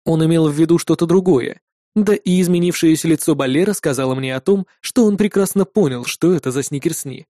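A man narrating a first-person story in a lively, wry manner. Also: on the high side, brisk, no room sound, clean studio sound. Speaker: audiobook narrator.

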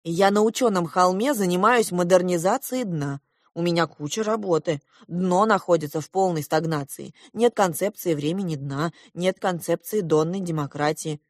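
A woman's voice: fairly low pitch, moderate pace, no room sound, studio quality, lightly acted. A woman reading an audiobook, voicing a hesitant, evasive grown man, a father. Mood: mild.

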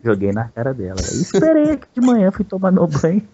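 Fast-talking Brazilian man, husky voice. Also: high-pitched, huge pitch swings, dark tone, dull audio. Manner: rambling and crude, peppers speech with "velho". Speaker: interviewee telling a personal story. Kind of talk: casual storytelling.

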